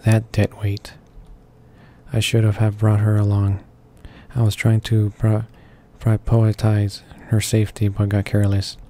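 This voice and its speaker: This let's player reads visual novel text in a mellow, fairly low voice with a completely flat, unhurried delivery. He stumbles over words now and then as game music plays.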